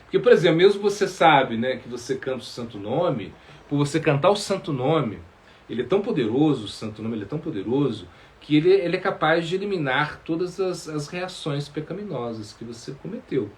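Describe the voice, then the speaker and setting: A male spiritual teacher, answering questions in a halting sermon full of fillers and repeated words. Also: fairly high pitch, lively intonation.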